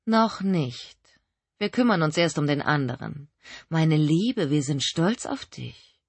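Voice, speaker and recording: Female reader as a husky-voiced cult leader man, slow, smug, coldly menacing, dry close audiobook sound. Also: low voice, lively intonation, no room sound, full character voice. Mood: calm menace. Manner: smooth, measured, condescending.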